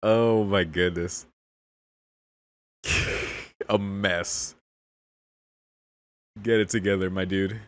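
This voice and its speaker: A man's voice: low voice, steady tone, very slow, long pauses. A young man hosting a casual anime reaction, exclaiming candidly, often laughing and swearing. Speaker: anime reaction channel host.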